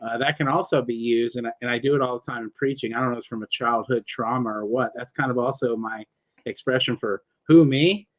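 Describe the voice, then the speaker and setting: A man's voice: mid-range voice, level tone, fast, fairly bright tone. A man who preaches in the open air, talking as a guest in a casual interview over a video call. He rambles, jokes and makes fun of himself. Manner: joking, self-deprecating, rambling.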